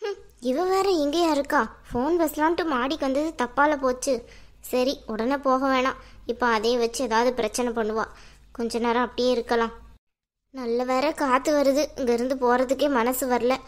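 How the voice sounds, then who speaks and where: A woman voicing a sharp-tongued older sister in a cartoon who mutters and grumbles in a lower voice. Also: fairly even intonation, normal speed, lightly acted. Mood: grumbling.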